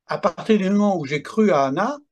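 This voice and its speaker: A man in his seventies gives an interview testimony about paranormal experiences, telling it emphatically with asides like "hein, attention". His voice sits high and is animated and brisk, with the highs cut off.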